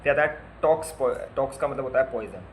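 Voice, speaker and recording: Guy teaching nursing students medical terms, mid pitch, keeps quizzing and teasing them. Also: expressive, fast, a little hiss or hum. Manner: repeats terms and spells them out, asks students quiz questions; casual, teasing asides to students. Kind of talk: classroom lecture.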